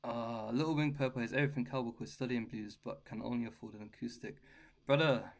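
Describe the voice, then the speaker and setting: A man giving a relaxed guitar lesson and answering viewers' questions, with a chatty, loose, slangy way of talking. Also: medium pitch, fast talker, vocal fry. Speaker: guitar teacher. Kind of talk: casual live-stream Q&A. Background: his own guitar playing.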